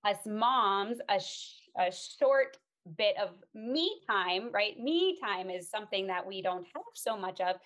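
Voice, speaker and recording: A woman's voice: medium pitch, expressive, takes it slowly, few pauses, fairly bright tone. A woman hosting a podcast, chatting casually and enthusiastically with a guest. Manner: upbeat, enthusiastic, affirming. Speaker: podcast host. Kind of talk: casual interview chat.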